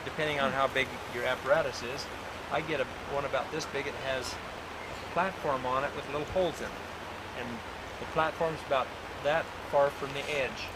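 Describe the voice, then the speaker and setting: A man's voice: medium pitch, fairly even intonation, moderate pace. Man on a hissy old VHS tape. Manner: folksy and rambling, with many restarts. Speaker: teacher of herbal remedies leading a group outdoors. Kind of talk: informal step-by-step spoken instruction. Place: outdoors by a road during a walk. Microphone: camcorder mic at a distance. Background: loud outdoor ambience with passing vehicles.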